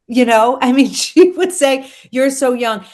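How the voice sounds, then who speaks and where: A woman's voice: high voice, lively intonation, slow pace, darkish tone. A woman in her fifties, a podcast guest, chatting casually in a rambling way with lots of fillers. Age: 50s. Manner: rambling, many fillers and restarts. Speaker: podcast guest, food company founder. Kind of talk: casual chat.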